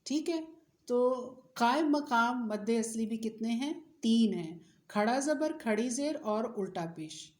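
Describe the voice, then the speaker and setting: A woman's voice: fairly high pitch, expressive, measured pace, darkish tone, roomy sound. A woman teaching tajweed with a Pakistani Urdu accent, explaining patiently and drawing out example words. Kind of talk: recorded recitation lesson.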